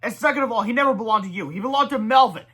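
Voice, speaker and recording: A man's voice: very high voice, expressive, rapid-fire, bright, forceful tone, breathy edge, pitched above the performer's own voice, full character voice. A man voicing a clever, wisecracking schoolboy with a cocky way of talking.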